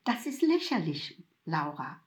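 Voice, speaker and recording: A woman's voice: sits low, sing-song, measured pace, voice pushed down. A woman voicing a prim female inner voice of reason that lectures pointedly in an audiobook. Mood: lecturing. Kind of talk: audiobook reading.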